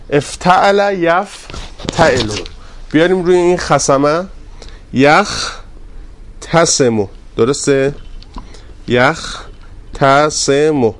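A fairly high-voiced man teaching a grammar class, repeating word forms slowly and prompting his students to finish his sentences. He stays polite and patient as he goes through each step. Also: a little hiss or hum. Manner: drawn-out repetition of word forms, quizzing students; polite and deferential to the class leader.

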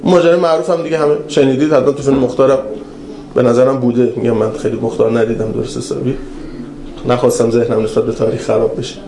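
A man preaching a religious lecture, telling stories in an animated way that swings between raised and hushed passages. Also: mid-range voice, crowd noise. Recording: roomy hall with faint ambience.

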